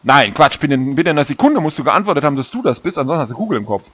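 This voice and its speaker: Fast-talking man in a casual let's-play. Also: on the high side, very animated, fairly bright tone. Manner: rambling, self-correcting, chatty. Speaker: gaming channel host.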